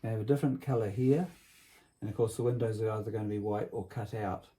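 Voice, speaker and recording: Speaking fast in a lowish voice with fairly even intonation, a man hosts a workshop vlog for kids as a builder. He has the bright energy of a children's party host, keeps explanations simple, and checks in with tag questions.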